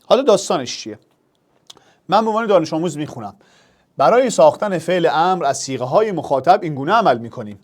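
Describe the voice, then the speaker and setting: A young man teaching an exam review lesson, animated and talking straight to the student with rhetorical questions. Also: a little high.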